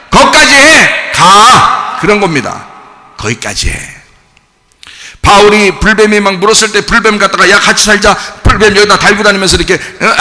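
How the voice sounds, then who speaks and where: A man's voice: high voice, sharp tone, long reverb tail. A male pastor preaching a sermon, emphatic and full of rhetorical questions to the congregation, acting out quoted lines. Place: church sanctuary.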